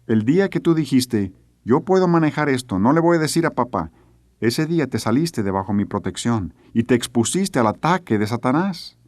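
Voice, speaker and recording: A man's voice: medium pitch, sing-song, moderate pace, a little mellow, no echo, studio quality. A middle-aged man teaching a sermon, telling a family story earnestly and acting out the voices he quotes. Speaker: preacher.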